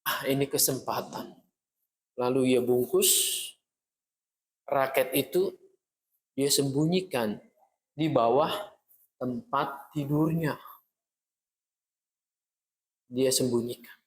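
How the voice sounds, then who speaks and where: A man giving a devotional, telling a story lively and acting out the dialogue of the characters. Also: medium pitch, slow, pauses often. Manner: animated storyteller, acts out dialogue. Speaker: preacher. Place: church hall. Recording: echoey hall, long reverb.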